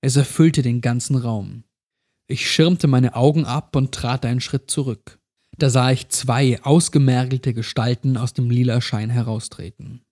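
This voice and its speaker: A man narrating a first-person horror story in a measured, somber way. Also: medium pitch, fairly even intonation, a little mellow.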